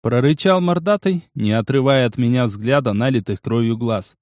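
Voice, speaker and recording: A man, the author, narrating his novel as an audiobook in a steady storytelling voice. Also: mid-range voice, normal speed, no room sound, studio quality. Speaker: author reading his book.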